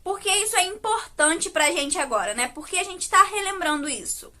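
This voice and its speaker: A woman's voice: extremely high pitch, animated, normal speed, pushed and bright. A Brazilian Portuguese-speaking woman teacher giving a recorded video lesson, explaining patiently and checking in with frequent tag questions.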